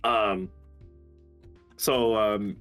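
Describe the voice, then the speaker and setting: Rambling casual man, low voice. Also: fairly even intonation, drawn-out words, fairly bright tone, faint music behind. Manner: rambling, filler-heavy, swears casually. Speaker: podcast co-host. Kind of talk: casual chat.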